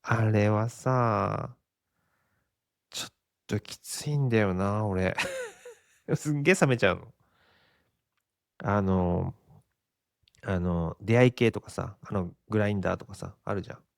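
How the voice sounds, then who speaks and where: A man's voice: on the low side, measured pace, gravelly, long pauses, no room sound, clean studio sound. A Japanese man in his forties hosting a casual solo podcast, rambling and chuckling often at his own expense. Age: 40s. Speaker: podcast host.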